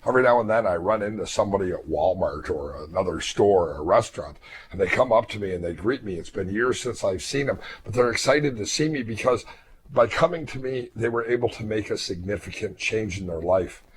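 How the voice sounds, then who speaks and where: Earnest low-voiced male hypnotist. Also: brisk. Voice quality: voice weakened after throat surgeries. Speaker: hypnotist and therapist. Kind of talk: reflective talk to fellow hypnotists.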